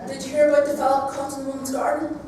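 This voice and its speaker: A woman acting a bossy, gossipy local in a stage comedy, speaking briskly. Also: sits high, level tone, lightly acted. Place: theatre stage, recorded from afar. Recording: distant echoey hall, loud background noise.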